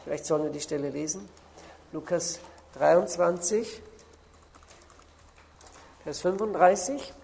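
Low, mellow-voiced woman preaching. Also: creaky. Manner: deliberate, stresses key words slowly, pauses to look up verses. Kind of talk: sermon with Bible exposition.

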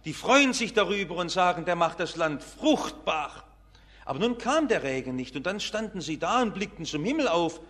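A pastor preaching a harvest festival sermon in a church, dramatic, swinging between soft and loud. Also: male voice, sits high, sing-song, brisk, hardly any pauses. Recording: long church reverb.

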